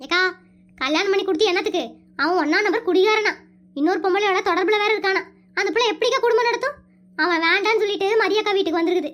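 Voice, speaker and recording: A performer voices a chatty, caring village woman in an animated comedy, sounding indignant as she exclaims and keeps calling the other woman "akka". The voice is extremely high and rapid-fire.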